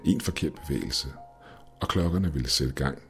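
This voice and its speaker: Very deep male narrator for horror story, grim, measured, soft music under. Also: lively intonation. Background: faint music.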